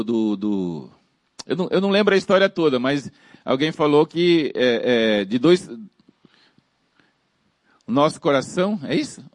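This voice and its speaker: Preacher, high tenor, emphatic and repetitive, dry close recording. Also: male voice, no room sound. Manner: emphatic, repeats phrases and calls out to the congregation. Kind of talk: sermon.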